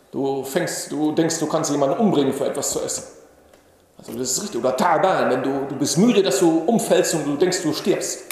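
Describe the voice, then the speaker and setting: Male preacher, slightly high voice, patient explainer, very echoey hall. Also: a little hiss or hum. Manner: explains patiently with questions to the audience. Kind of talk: religious lecture. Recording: echoey hall with long reverb.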